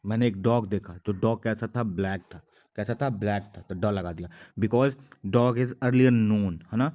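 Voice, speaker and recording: A man's voice: on the low side, a little fast, a little mellow. A man teaching English grammar, patiently asking and answering his own questions as he explains. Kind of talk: grammar lesson in Hindi.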